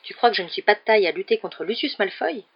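A woman voicing an excitable, enthusiastic balding wizard father in an audiobook reading. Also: on the low side, quick pace, husky, muffled recording.

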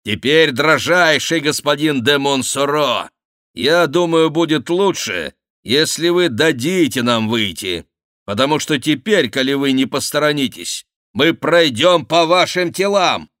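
A man's voice: fairly high pitch, animated, measured pace, a bit bright, no room sound, clean studio sound, pitched above the performer's own voice. A man reading an audiobook plays a bold young swordsman, his voice lifted, ringing and commanding. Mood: defiant.

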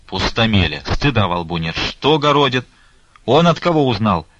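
A man voicing a stern, quick-tempered old abbess who talks sharply and commandingly, on a dull lo-fi recording. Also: deep voice, very animated, a bit bright, breathy edge, no room sound, full character voice. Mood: commanding, impatient.

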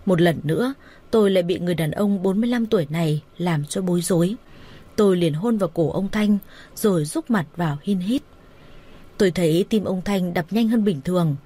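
A woman narrating a dramatic story in a steady, even voice. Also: fairly low pitch, a little fast.

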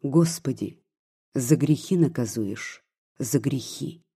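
Man reading an anguished bitter woman begging, husky dark tone, raw pleading. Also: mid-range voice, slow. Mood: despairing. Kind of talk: audiobook reading.

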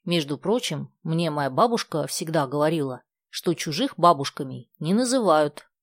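A woman reads a sensible, prim teenage girl from an audiobook, proper and a little bossy about manners. The voice is the reader's own low one, recorded dry. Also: lively intonation, moderate pace, no room sound.

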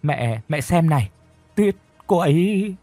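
Brief: a frightened young man in an audiobook story, urgent and husky, read by a male narrator. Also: on the high side, lively intonation, moderate pace, no room sound, soft background music, pitched above the performer's own voice. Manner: stammering, shouting.

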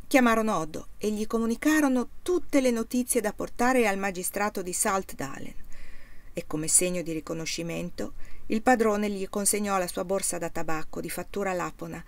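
A woman reading a novel aloud in a measured, steady audiobook narration. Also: mid-range voice, dry recording. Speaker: reader.

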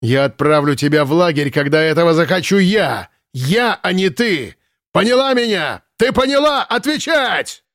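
A man's voice: big pitch swings, drawn-out words, vocal fry, no room sound, clean studio sound, full character voice. A man doing a shrieking drunken camp commandant. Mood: screaming. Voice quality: shrill, furious shouting. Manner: ranting, unhinged, bullying. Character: drunk, raging male Nazi camp commandant. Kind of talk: audiobook character reading.

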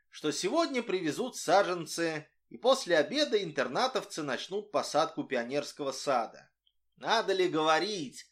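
A man narrates a children's story in an expressive audiobook reading. His fairly high voice rises and falls freely as he tells it.

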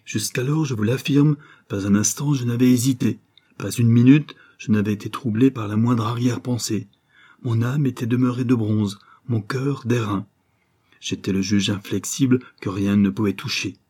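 A man's voice: lowish voice, normal speed, mellow, slightly rough. A man reading an audiobook, voicing a torn young avenger who speaks to his mother in an earnest, solemn, pleading way. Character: anguished young avenger son, torn by conscience. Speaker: audiobook reader.

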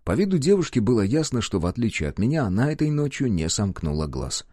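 A man narrating an audiobook in the first person, with expressive storytelling. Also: medium pitch, quick pace, no echo, clean studio sound.

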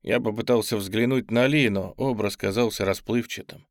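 A man narrating an audiobook in an even, measured reading voice. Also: on the low side, no echo, studio quality.

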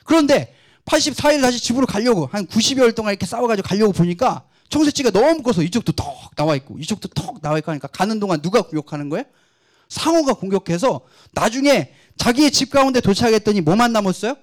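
A man preaches a sermon with a high voice that swoops up and down. He keeps asking the congregation questions and acts out the lines he quotes. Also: animated, fast talker. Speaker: pastor.

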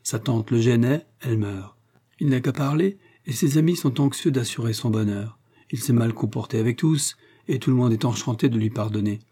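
A male narrator voicing a serious, reserved gentleman in an audiobook, speaking with grave sincerity. The voice stays dark and mellow, with a husky edge. Measured and earnest, never showy. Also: mid-range voice, lightly acted. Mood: musing. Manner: grave and earnest, rising in warmth. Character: earnest, reserved gentleman suitor, grown man. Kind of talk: audiobook character reading.

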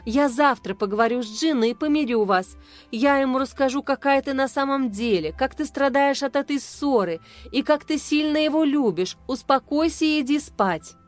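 A two-faced woman friend coos false comfort in a storybook reading, as a woman narrator puts her on. Her voice rides high and sugary. Quiet music plays beneath. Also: moderate pace, close to an everyday voice. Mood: falsely sweet. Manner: sugary, fake sympathy.

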